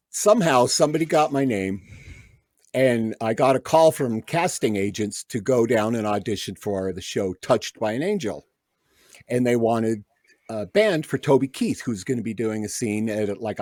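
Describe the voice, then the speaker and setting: Storytelling casually on a podcast where he's the guest musician, a man brings his anecdotes to life by acting out quoted voices. He has a mid-range voice at normal speed, captured in studio quality with no room sound.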